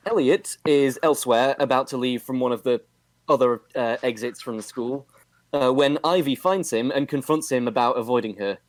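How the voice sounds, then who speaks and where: A man's voice: mid-range voice, moderate pace, no echo. Man recapping a show, dry sound. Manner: steady recap with fillers and laughs. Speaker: podcast host recapping a show. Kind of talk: casual podcast recap.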